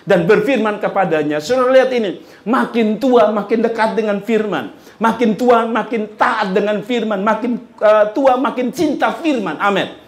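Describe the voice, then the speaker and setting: A male pastor, preaching a lively sermon that jumps between loud bursts and quiet asides, often joking. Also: high-pitched, normal speed.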